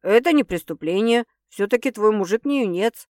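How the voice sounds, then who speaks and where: A woman's voice: medium pitch, animated, normal speed, a little mellow, no room sound, studio quality, lightly acted. A woman voicing a brash, teasing young woman who scolds her sister bluntly and mockingly.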